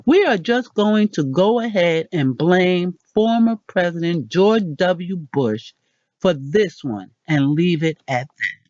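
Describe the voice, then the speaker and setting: A woman hosting a casual pronunciation lesson, chatty and self-deprecating, repeating words slowly. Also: fairly low pitch, lively intonation, a little mellow, dry recording, highs cut off. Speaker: channel host.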